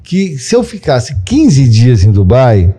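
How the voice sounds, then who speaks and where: Mellow-voiced Brazilian man hosting a podcast. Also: medium pitch, wildly swooping pitch, slow, husky. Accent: Brazilian Portuguese. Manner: motivational, leans on "né" and "entendeu" fillers. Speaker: podcast host, therapist. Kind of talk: casual conversational interview.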